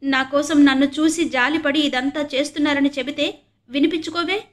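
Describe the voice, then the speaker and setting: A woman's voice: on the high side, level tone, measured pace, natural voice. A woman voicing a tender crippled teenage boy who pleads through tears, in a storybook reading. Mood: tearful protest. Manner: pleading, tearful.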